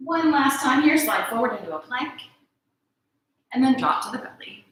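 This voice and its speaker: A woman teaching a yoga flow in a bright, clear voice. She calls out poses calmly and encouragingly, often checking in with the class. The sound rings through a very echoey room. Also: high voice, moderate pace. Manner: calm, encouraging cues with frequent "right?" check-ins. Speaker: yoga instructor. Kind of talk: guided yoga class instruction.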